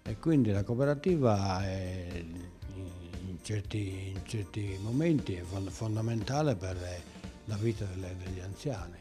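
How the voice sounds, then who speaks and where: A man giving a halting spoken testimony in a documentary. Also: low-pitched. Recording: faint music behind.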